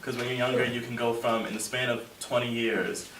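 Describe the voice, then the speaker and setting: A man in his twenties with a medium-pitched, flat voice talks fairly quickly in a casual group discussion, earnest but rambling and full of fillers. The room is echoey, the mic distant, and there is faint noise.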